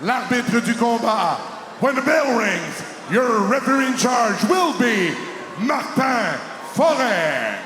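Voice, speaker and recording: A male ring announcer delivers formal, booming arena introductions in a very high, projected voice. He draws words out slowly, and the sound rings through a large reverberant hall. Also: very animated. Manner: switches between French and English. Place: large indoor boxing arena. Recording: echoey arena PA with loud crowd. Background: crowd noise.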